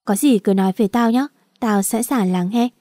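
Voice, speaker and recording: A woman's voice: on the high side, normal speed, mellow, no echo, studio quality, lightly acted. A woman voicing a chatty, caring young female student friend in an audiobook story.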